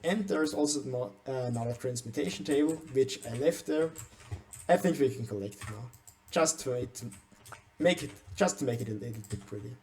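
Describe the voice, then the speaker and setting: A young Austrian gaming channel host gives a game base tour in English, his second language, with an Austrian German accent. His mid-range voice is dark and mellow and fairly quick. He is hesitant, often stumbling, repeating and restarting words as he searches for them.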